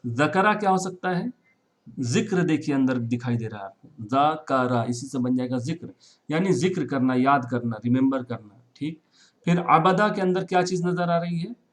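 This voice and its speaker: A man teaching Arabic verbs in Urdu, mixing in English words, repeating forms and often checking with "right?". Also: on the high side. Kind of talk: classroom-style recorded lesson.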